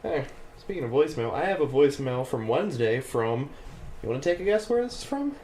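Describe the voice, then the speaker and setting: A man bantering goofily in a casual podcast chat. His voice is pitched in the ordinary middle range. Faint background noise sits under him. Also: big pitch swings, fairly quick, warm tone. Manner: goofy, playful. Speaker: podcast co-host.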